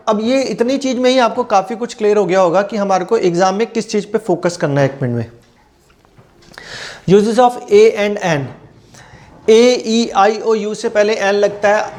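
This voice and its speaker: High-voiced man teaching grammar. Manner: explains in Hindi, reads English examples slowly; asks the class questions, then answers himself. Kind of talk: exam-prep grammar lesson.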